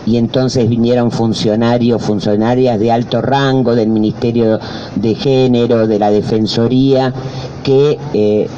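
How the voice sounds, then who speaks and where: A man's voice: medium pitch, dark tone, highs cut off, a little hiss or hum. A man giving an urgent speech at a protest. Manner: urgent, rallying. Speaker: activist speaker.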